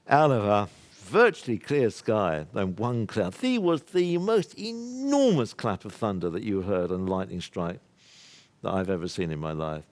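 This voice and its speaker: An older man from the UK speaks to a live workshop audience in a somewhat low voice. He is earnest and emphatic, and he rambles, restarts and laughs along the way. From United Kingdom.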